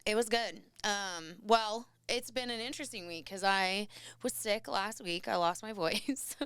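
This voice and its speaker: A woman in her thirties, co-host of a podcast, chatting casually and a little raspy and hoarse from being sick. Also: mid-range voice, measured pace, dry recording, studio quality. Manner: animated storytelling. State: slightly hoarse after illness. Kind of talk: casual chat.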